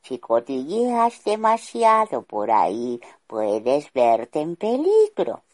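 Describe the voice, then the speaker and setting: A woman voicing a worried, fatherly old king in a storybook, slow and husky. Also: sits low, huge pitch swings, darkish tone, full character voice. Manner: slow, sighing warnings.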